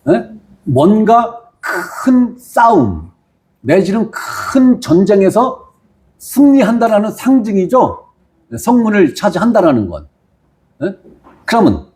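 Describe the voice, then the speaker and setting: A man preaching a sermon as pastor, reading scripture slowly and often asking the congregation questions. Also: mellow. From maternal family from the Jeolla region. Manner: asks the congregation questions and repeats phrases; reads scripture slowly and lower.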